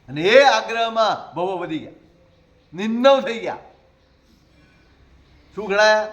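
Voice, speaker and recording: Man, Jain monk, high voice, sermon, conversational, rhetorical questions, gentle humor. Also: expressive, slow, highs cut off.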